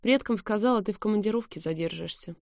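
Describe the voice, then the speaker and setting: A woman's voice: medium pitch, quick pace, gravelly, darkish tone, lightly acted. A sarcastic blunt sister, read by a woman. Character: blunt sharp-tongued young woman, the sister.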